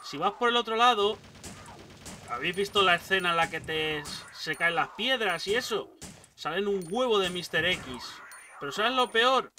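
Excitable, foul-mouthed gamer man. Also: high-pitched, normal speed, recorded from a distance, a little hiss or hum. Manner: excitable, swears a lot, yelps at jump scares. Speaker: gaming streamer. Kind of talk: casual let's-play commentary.

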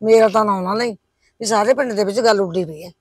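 A woman's voice: medium pitch, fast talker, a little mellow, breathy edge, dry recording, lightly acted. A woman playing a gossipy, complaining old village woman, with a Punjabi accent. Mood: gossiping. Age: older. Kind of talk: village comedy drama.

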